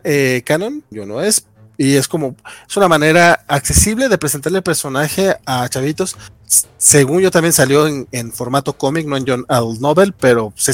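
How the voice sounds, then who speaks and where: A man's voice: a little high, dry recording. A man with a Mexican accent, chatting casually on a livestream about comics, full of fillers and restarts. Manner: rambling with many fillers. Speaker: comic book reviewer. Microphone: remote call with lag.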